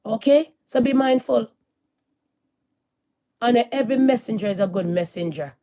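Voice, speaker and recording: A middle-aged woman vlogger delivers a casual, preachy monologue to her viewers, her voice a little high, expressive, and at a normal speed. She repeats phrases for emphasis, swinging from loud declarations to hushed warnings.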